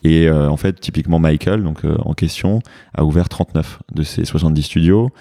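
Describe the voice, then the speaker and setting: A man's voice: rumbling low, a little fast, vocal fry, mellow, no room sound. A French man with a French accent, a fitness studio founder, speaking hesitantly with many fillers in a business interview. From France.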